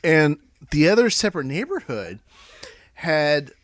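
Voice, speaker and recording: A man's voice: fairly high pitch, big pitch swings, a little slow, dry recording. An American man telling a casual, rambling story to friends while drunk, swearing and repeating himself as he goes. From Indiana, United States.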